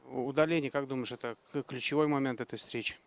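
A man in his thirties conducting post-match interviews outdoors into a handheld microphone, phrasing his questions a bit haltingly. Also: mid-range voice, fairly even intonation. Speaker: sports interviewer. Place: outdoors at a football stadium.

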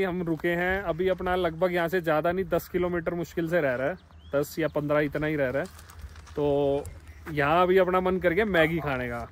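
A man's voice: a little high, slight background noise. A young man from India, enthusiastically chatting to viewers in a travel vlog, first from inside a car and then on a mountainside. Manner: enthusiastic, addresses viewers as brothers. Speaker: travel vlogger. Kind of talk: casual travel vlog chat.

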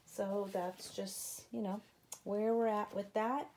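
A woman's voice: medium pitch, steady tone, slow, a little mellow. A woman showing off her craft supply haul in a casual video, gushing over each item and saying she is tired. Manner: gushing, breathless exclamations. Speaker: craft vlogger.

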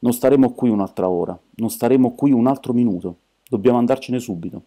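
A man reading the part of a small, gentle priest detective who speaks calmly and quietly. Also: mid-range voice, fast talker, lightly acted. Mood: curt. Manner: calm, mild, quietly firm.

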